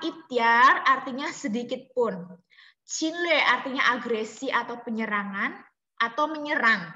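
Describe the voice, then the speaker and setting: Woman teacher on a video call, high bright voice, patient, repeats examples, roomy echo. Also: muffled recording. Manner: explains slowly, repeats examples, checks understanding. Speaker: Mandarin teacher. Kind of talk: online class lesson. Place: home room on a video call. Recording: echoey room with long reverb.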